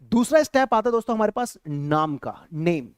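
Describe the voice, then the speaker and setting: Animated high-voiced man teaching. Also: moderate pace, clear, resonant tone, no echo, clean studio sound. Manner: animated, repeats words for drilling. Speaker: English teacher. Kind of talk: classroom lesson.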